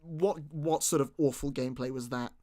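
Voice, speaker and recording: In a mellow, medium-pitched voice at normal speed, a YouTube creator from Britain talks casually while rewatching his own footage. His commentary wanders, is full of restarts, and often turns self-mocking.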